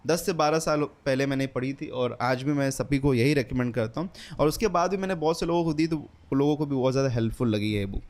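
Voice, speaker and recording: A man's voice: a little high, darkish tone. A young man, giving an earnest, casual English lesson and repeating his points, with English words mixed into his speech. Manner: earnest, repetitive, mixes English words into Hindi. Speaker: English teacher. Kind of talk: casual spoken lesson, book recommendation.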